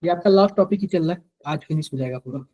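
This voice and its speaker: A man's voice: a little high, fast talker, lo-fi sound. A man with a Hindi accent teaching chemistry to a live class, quizzing students and repeating each answer to drill it in.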